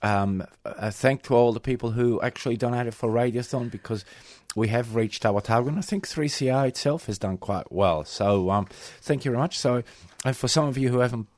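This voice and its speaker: A man co-hosting a community radio show, his voice husky from a winter cold, talking hesitantly with many fillers. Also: mid-range voice, brisk, hardly any pauses, a little mellow, dry recording. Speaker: radio co-host. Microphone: studio microphone.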